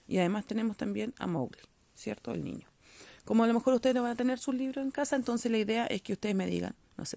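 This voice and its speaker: Gravelly-voiced woman teacher, dry recording. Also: mid-range voice, dry recording. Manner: checks in with "¿cierto?" constantly, patient and explanatory; reads aloud with expressive intonation. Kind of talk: virtual class reading aloud and explaining.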